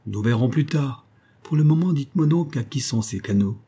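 A man reading the part of a calm, gracious middle-aged engineer who speaks politely and in a measured way. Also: medium pitch, breathy edge, pitched above the performer's own voice.

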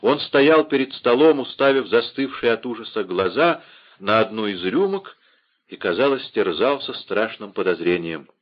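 A man narrating a classic novel as an audiobook, expressive and dramatic. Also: on the low side, moderate pace. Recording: dull lo-fi audiobook recording.

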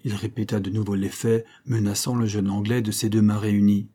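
Man with a dark, husky reading voice. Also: lowish voice, level tone, brisk. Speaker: narrator. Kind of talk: audiobook story narration.

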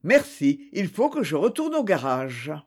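A man's voice: a little high, wildly swooping pitch, a little slow, husky, heavily acted. A man voicing a proud young man under suspicion who answers defensively. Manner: defensive, tense.

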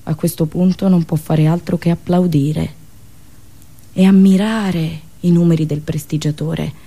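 A woman radio host with a low-pitched, dark voice performs a theatrical, satirical monologue, using ironic, deliberate phrasing and repetitions.

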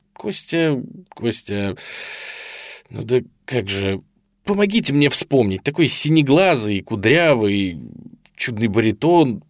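A man's voice: medium pitch, no echo, pitched above the performer's own voice. A silky, falsely friendly colonel interrogator, voiced by a man reading the book. His tone is raised and lilting, sweetened with fawning courtesy. The recording is dry and close. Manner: smooth, falsely cordial, fawning. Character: sly, ingratiating middle-aged male Soviet colonel interrogator. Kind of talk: audiobook reading.

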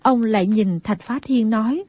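A woman narrating an audiobook in a steady storytelling manner. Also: a little high, moderate pace, slightly rough. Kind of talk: scripted narration. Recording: dull lo-fi audio.

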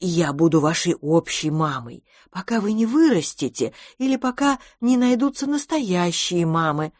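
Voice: mid-range voice, expressive, moderate pace, no room sound, studio quality, lightly acted. A reader doing a timid, flustered spy. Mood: resigned. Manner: gentle, sighing, unsure. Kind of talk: audiobook character reading.

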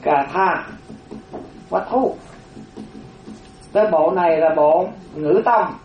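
A Buddhist monastic teaching a dharma class, slowly repeating terms for note-taking, with chatty asides. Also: mid-range voice, a little hiss or hum. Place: classroom with a board. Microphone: distant room microphone. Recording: roomy, distant, dull lo-fi room recording.

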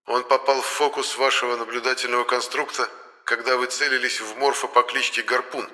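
A man's voice: mid-range voice, level tone, brisk, sharp tone, big-room sound. A man voicing a servile demon who speaks formally inside the hero's head. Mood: deferential. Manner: formal, deferential.

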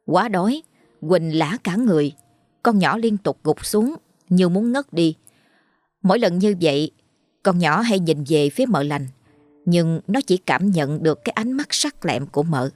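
A woman narrating a ghost story in a slow, mournful storytelling manner. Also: lowish voice, expressive, darkish tone, dry recording.

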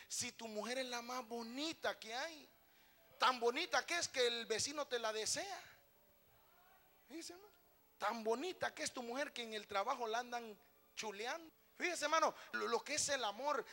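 A man with a very high, bright, gravelly voice preaches to his congregation as their pastor. He calls out to the crowd and builds to loud, fervent shouts. His voice rings through a reverberant church hall. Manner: preaching with rising shouts and call-outs to the congregation. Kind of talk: sermon.

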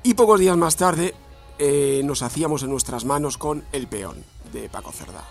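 A man's voice: a little high, expressive, moderate pace, vocal fry, soft background music. A man with a Madrid accent co-hosting a podcast, talking in a loose, slangy, reflective way. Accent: Madrid Spanish. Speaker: podcast co-host. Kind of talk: casual chat.

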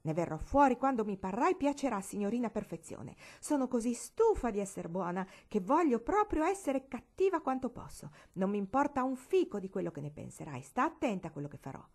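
A woman's voice: fairly high pitch, very animated, brisk, few pauses, a little mellow, pitched above the performer's own voice. A woman doing a defiant, mocking girl. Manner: bold and mocking. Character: defiant, spiteful, rebellious young girl.

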